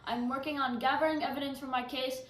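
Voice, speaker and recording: A fairly high female voice comes from a little way off the mic in an echoey room. She gives scripted answers as an interview guest. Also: steady tone, fast, far from the mic.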